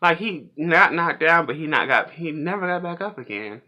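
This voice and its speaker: A man's voice: fairly high pitch, animated, normal speed, lo-fi sound. Guy doing a chatty pop culture rant, voice jumps all over, super opinionated. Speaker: pop culture vlog host.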